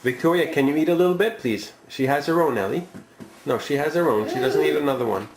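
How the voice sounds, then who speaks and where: A man talking casually and patiently with young children, gently coaxing them as their father at a family meal. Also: a little high, fast, crowd noise. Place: indoors at a family dinner table. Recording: echoey room.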